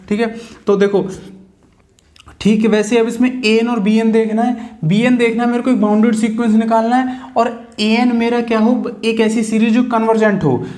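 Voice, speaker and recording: A man's voice: high voice, a little mellow. A man giving a conversational math lecture, asking and answering his own questions as he writes. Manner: talks while writing, asks and answers his own questions.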